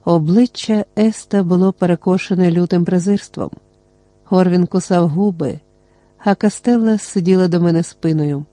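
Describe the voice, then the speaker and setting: Dark-voiced audiobook narrator. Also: mid-range voice, moderate pace, no echo. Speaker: audiobook reader. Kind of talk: scripted narration.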